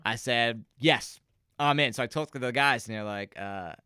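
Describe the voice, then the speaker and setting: A man's voice: mid-range voice, moderate pace, sharp tone. A young man, a musician guest, chatting casually into a close microphone in an interview and acting out the voices of people in his stories. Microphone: close podcast microphone.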